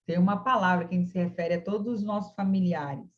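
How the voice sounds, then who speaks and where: A woman's voice: on the low side, fairly even intonation, fast, highs cut off. A woman teaching an online English class, patiently modeling phrases for her students.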